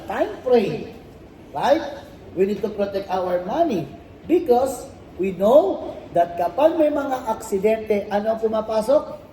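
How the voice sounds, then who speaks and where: A man's voice: high voice, dark tone, slight background noise. A man with a Filipino accent giving a safety and security training lecture to a class. He mixes English phrases into his talk and keeps checking in with rhetorical questions like "tama?" and "di ba?". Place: training room in front of a class. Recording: echoey room, voice picked up from a distance.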